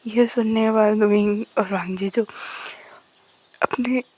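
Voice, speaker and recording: A woman casually retelling a drama's plot as a storyteller, moving quickly between narration and the characters' lines. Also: mid-range voice, fairly even intonation, warm tone, rough recording. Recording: faint background noise.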